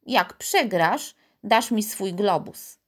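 A woman voicing a proud, boastful little girl with magic powers, lively and teasing. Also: mid-range voice, takes it slowly.

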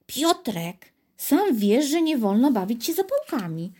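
A woman's voice: high-pitched, big pitch swings, measured pace, a little mellow, husky, pitched above the performer's own voice, heavily acted. A woman voicing a polite, careful little girl with a thin voice in a storybook reading. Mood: cautioning whisper.

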